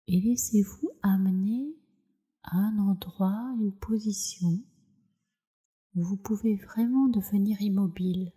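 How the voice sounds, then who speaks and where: A yoga nidra teacher and meditation guide leads a relaxation practice in a soft, soothing voice. Her tone is deeply mellow and warm at a medium pitch, and she unhurriedly delivers slow, measured phrases that trail off breathily.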